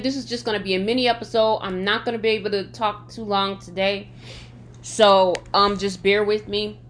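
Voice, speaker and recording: A woman's voice: mid-range voice, a bit bright. A woman hosting a solo podcast, speaking bluntly and emphatically with a slight lisp from sores in her mouth. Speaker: podcast host. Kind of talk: opinionated solo podcast talk.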